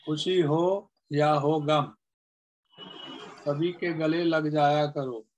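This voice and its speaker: A man reciting a rhyming poem over a video call, in a measured sing-song way. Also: a little high, fairly even intonation, darkish tone, slight background noise, rough recording. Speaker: poet. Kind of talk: poetry recitation.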